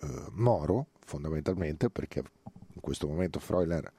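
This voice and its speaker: A man with a low, dark voice hosts a casual sports talk show on the radio, rambling and filling pauses as he goes. The sound is dry and close, with no room around it. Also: lively intonation, husky, no echo. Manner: chatty, digressive, frequent hesitations and fillers. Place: radio studio.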